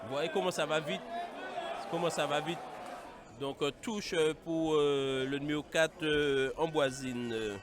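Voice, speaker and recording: A man commentating live on a football match in a halting, repetitive way. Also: on the high side, fairly even intonation. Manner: hesitant, halting delivery with repetitions. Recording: outdoor stadium, crowd noise behind. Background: crowd.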